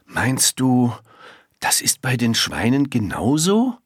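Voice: medium pitch, very animated, unhurried, no room sound, studio quality, voice pushed up. A storybook reader voicing a patient but exasperated young schoolboy. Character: schoolboy, older than her, patient and exasperated. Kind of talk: storybook reading.

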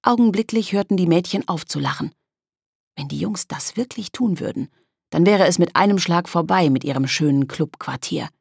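A woman narrating a children's audiobook with lively storytelling. Her voice sits low and slightly husky, recorded dry and close. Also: normal speed, dry recording.

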